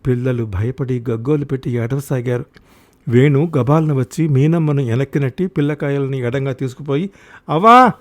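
A man narrating a short story for an audiobook in a measured, expressive way. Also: medium pitch.

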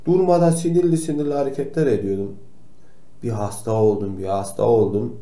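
A man doing a gentle old grandpa doctor. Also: medium pitch, brisk, natural voice. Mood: gently scolding. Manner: gentle, admonishing, talks straight to the kids. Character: kindly old grandpa doctor scolding noisy kids. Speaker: pretend doctor calling noisy children. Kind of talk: comic role-play for children. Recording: roomy echo.

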